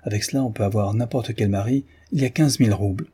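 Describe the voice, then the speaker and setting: A man's voice: on the low side, quick pace, dark tone, breathy edge. A man putting on a sly old woman matchmaker. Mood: wheedling. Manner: wheedling, pleading.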